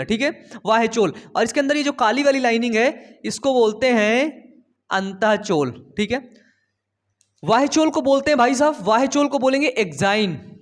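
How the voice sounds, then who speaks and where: A young man teaching a biology lesson in a chatty, coaxing way, repeating key terms and asking his students questions. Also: high-pitched. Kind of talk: Hindi classroom-style lesson.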